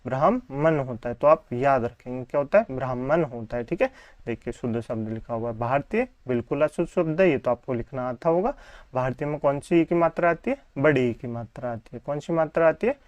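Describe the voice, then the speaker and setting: A man's voice: mid-range voice, expressive, brisk, a little mellow, no echo. A man teaching an online exam-prep Hindi lesson, asking a question and then answering it himself. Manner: repetitive question-and-answer drilling.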